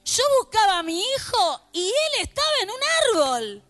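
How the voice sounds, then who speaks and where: A middle-aged woman pastor with a Rioplatense Argentine accent, telling funny stories to her congregation in an animated sermon. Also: very high-pitched, normal speed, no echo, faint music behind. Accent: Rioplatense Spanish. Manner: animated storytelling, playful asides to the congregation. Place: church before a live congregation.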